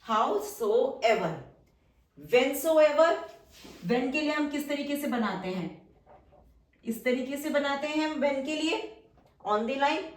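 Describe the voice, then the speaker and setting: Female shorthand tutor, slightly high voice, patient, stretches out key words, roomy sound from off-mic. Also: far from the mic. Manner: slow, drawn-out model words between quick explanations. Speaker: shorthand teacher. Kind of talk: step-by-step lesson. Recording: echoey room, voice from off-mic.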